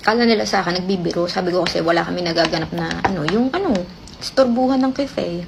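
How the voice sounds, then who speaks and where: A woman's voice: on the low side, fast talker, creaky, noisy background. A woman telling a rambling personal story in casual chat, chatty and full of fillers. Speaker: caller sharing a relationship story.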